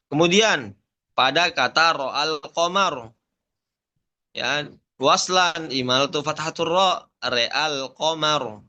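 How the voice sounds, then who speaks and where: A young man teaches Quran readings online, speaking slowly and carefully. His voice is bright and sits a little high. He lists word variants one by one and chants short verse snippets to show them. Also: muffled recording. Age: young adult. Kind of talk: online lesson.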